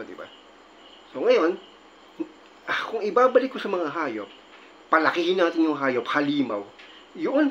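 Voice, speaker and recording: A man's voice: fairly high pitch, a bit bright, lo-fi sound, a little hiss or hum. A man giving casual advice as a video host, rambling and checking in with tag questions.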